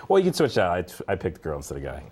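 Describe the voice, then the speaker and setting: A man's voice: low voice, wildly swooping pitch, very fast, darkish tone. A man co-hosting a casual games podcast, rambling with lots of fillers and frequent laughs. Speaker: podcast co-host. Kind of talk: casual chat.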